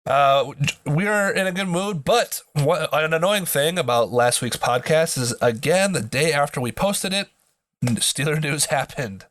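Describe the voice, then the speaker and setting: A man's voice: fairly high pitch, animated, moderate pace, a bit bright, no room sound. A man hosting a sports podcast in casual commentary, his voice nasal from a blocked nose, as if pinching it, with joking asides.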